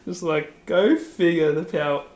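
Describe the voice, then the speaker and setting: A man's voice: a little high, a little slow, a little mellow. An Australian man co-hosting a podcast, chatting casually about sports in a rambling way, laughing often and saying "like" a lot. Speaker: podcast co-host.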